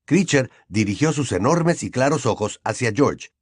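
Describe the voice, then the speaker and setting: A man narrating an audiobook with an expressive storytelling delivery. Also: medium pitch, normal speed, no room sound, clean studio sound. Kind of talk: scripted narration.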